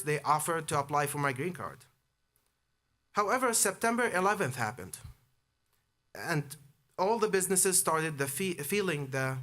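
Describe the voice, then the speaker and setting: This is a prepared commencement speech built around personal experience, given by an alumnus in his thirties who comes from Amman, Jordan. He speaks in a rather high, bright voice with a forceful edge.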